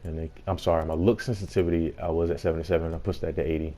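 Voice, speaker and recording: Very deep, even-toned man. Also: racing. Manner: informal, explanatory. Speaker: gaming tutorial host. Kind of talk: casual gameplay tutorial commentary.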